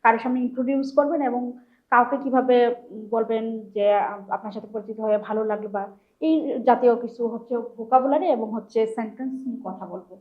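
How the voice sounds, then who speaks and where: A woman's voice: a little high, fast talker, dull audio. A woman teaching a recorded language lesson, explaining step by step and sounding out syllables one at a time, with frequent fillers.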